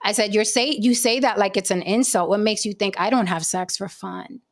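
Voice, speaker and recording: A woman in her late forties hosting a casual panel talk show, telling stories in a chatty, animated way with many asides. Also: medium pitch, a little fast. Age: 40s.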